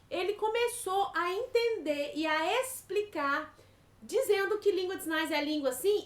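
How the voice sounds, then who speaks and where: Brazilian woman teacher, very high voice, lively and direct, echoey room. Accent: Brazilian Portuguese. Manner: lively, talks straight to students. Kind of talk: informal lecture.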